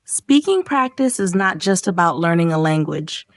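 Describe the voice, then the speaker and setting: A woman's voice: on the low side, big pitch swings, no room sound, clean studio sound. Earnest woman narrating an English lesson. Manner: encouraging, measured and earnest. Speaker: English teacher. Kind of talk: scripted motivational narration.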